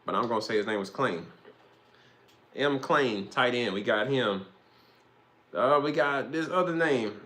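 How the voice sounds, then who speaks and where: A man's voice: medium pitch, measured pace, pauses often, fairly bright tone. Slangy man rambling about football. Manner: rambling, slangy, swears freely. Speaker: host. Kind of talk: casual football commentary monologue.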